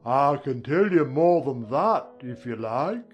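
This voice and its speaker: A bossy, impatient Gryphon. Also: male voice, medium pitch, lively intonation, slow pace, lo-fi sound, faint music behind. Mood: explaining. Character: impatient, solemn male Gryphon creature.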